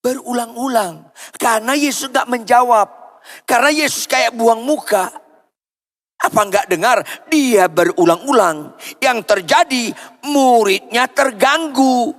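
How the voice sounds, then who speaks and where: A man from Indonesia preaching a sermon as pastor in a church, swinging from loud cries down to low murmurs and calling out to the congregation for answers. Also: a little slow. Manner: asks the congregation for responses. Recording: long church hall reverb.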